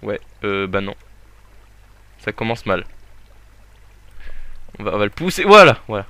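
A young man giving jokey, excitable let's play commentary, talking to the game as he plays. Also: on the low side, measured pace. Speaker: gaming YouTuber.

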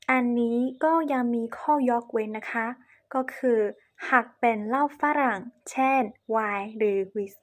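Lady teaching in thai as a foreigner, a bit halting, polite, highish voice. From China. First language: Chinese. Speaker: presenter on cultural etiquette. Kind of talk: explanatory lesson to camera.

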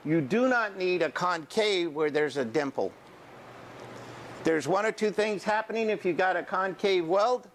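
A man's voice: high-pitched, measured pace, fairly bright tone, slight background noise. An older man, a welding teacher, explaining steps to a class in a casual, folksy way, often checking in with "okay". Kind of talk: classroom instruction. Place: school welding shop and classroom, indoors.

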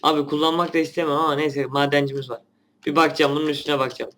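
A man's voice: fairly high pitch, flat delivery, rapid-fire, fairly bright tone, a little hiss or hum. A young man, a gaming channel host giving casual gameplay commentary, chatty and grumbling at the game.

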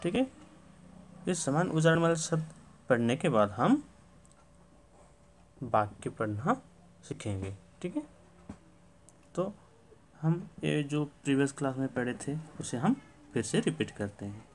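A woman teaching a kindergarten class online, slowly reading out words for children to repeat. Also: low-pitched, darkish tone, slight background noise. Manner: slow, drawn-out word drills for children to repeat. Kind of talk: online kids' lesson.

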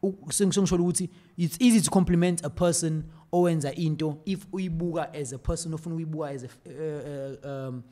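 A man of thirty talking casually as a podcast guest, animated and switching between English and Zulu, on a desk mic in a dark studio. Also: a little high, quick pace, few pauses. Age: 30s. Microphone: desk mic on boom arm.

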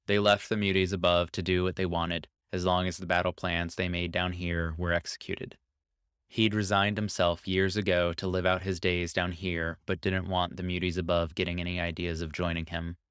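A man reading a short science fiction story aloud as narrator, calm and even, on a close mic. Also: low voice, moderate pace, smooth, no echo. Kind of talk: scripted narration.

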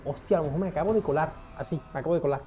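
A young man giving casual gameplay commentary, excitable, swearing often and talking to himself as he plays. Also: a little high, rapid-fire, dull audio, faint music behind. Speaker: gaming streamer.

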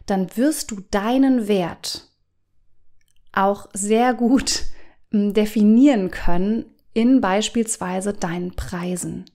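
A woman coach hosting a podcast, speaking to the listener in a gentle, guiding way, sometimes letting phrases sink to a soft whisper. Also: medium pitch. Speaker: business coach and podcast host.

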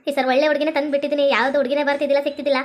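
A woman's voice: sits high, flat delivery, rapid-fire, voice pushed down, close to an everyday voice. A woman doing a greedy haggling broker woman. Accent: North Karnataka Kannada. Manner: bargaining, insistent. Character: greedy female broker haggling over money.

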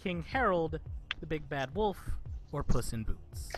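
A man runs a vulgar, joking quiz show over a voice call. His voice sits a little high, and he reads questions in a showy quizmaster style. He mocks the contestants with casual profanity. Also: big pitch swings, unhurried, soft background music. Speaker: game show host. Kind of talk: crude comedic quiz hosting.

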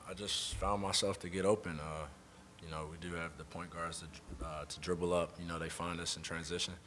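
Very deep, flat-voiced young man. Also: brisk, a little hiss or hum. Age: young adult. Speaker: college basketball player. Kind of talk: postgame press conference. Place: press conference room. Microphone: table mic.

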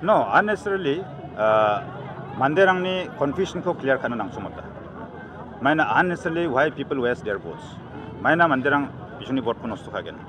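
He talks fast in a sing-song, medium-pitched voice. The middle-aged candidate, with a Northeast Indian accent, is in an argumentative, emphatic press interview that mixes in English, recorded on close-held news microphones outdoors at an evening gathering with a bustling crowd behind.

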